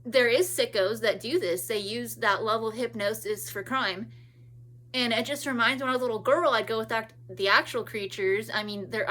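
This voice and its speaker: A woman's voice: a little high, bright, forceful tone. A woman in her thirties from California, talking in a rambling personal monologue with many restarts and trailing thoughts. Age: 30s. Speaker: vlogger.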